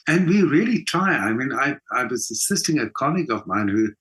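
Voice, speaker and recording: A South African man, a theatre performer and mentor, speaks as a guest in a conversational interview, repeating phrases emphatically for stress. His mid-range voice is very animated, brisk, and slightly bright, with a breathy edge.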